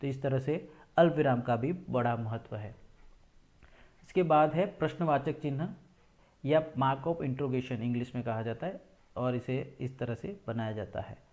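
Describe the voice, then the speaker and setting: A man's voice: medium pitch, unhurried, darkish tone. A man teaching a school grammar lesson, explaining step by step and repeating examples.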